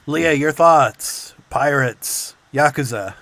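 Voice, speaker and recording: A man's voice: fairly high pitch, slow, fairly bright tone, no room sound. A man hosting a casual gaming podcast, easygoing, laughing often and passing the mic to co-hosts. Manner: easygoing, laughs often, short agreeing replies. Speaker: podcast host.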